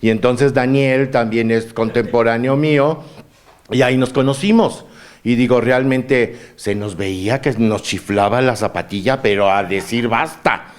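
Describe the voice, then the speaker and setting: A man in his fifties speaks at a medium pitch and a measured pace, with a Mexican Spanish accent. He's a guest in a casual chat, telling stories in a campy, playful way.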